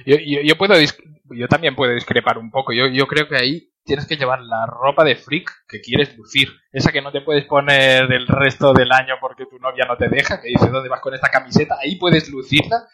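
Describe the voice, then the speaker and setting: A man's voice: medium pitch, brisk, pushed and bright, low-quality recording. A man chatting casually as a podcast panellist, repeating phrases for emphasis. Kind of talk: casual chat.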